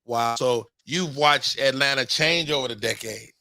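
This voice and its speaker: Joking excitable male host, bright voice. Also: medium pitch, a little slow, dry recording, clean studio sound. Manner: excitable, joking, often stumbling over words. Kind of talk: casual interview.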